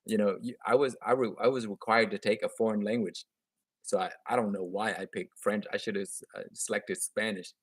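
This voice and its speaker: His pitch is fairly low and his tone steady, with a husky texture, a fairly quick pace and a dry recording. The speaker, a gardening channel host in his thirties and a native Vietnamese speaker with a slight accent, does a relaxed live stream from home on a webcam, responding to comments in an upbeat, talkative manner with many restarts.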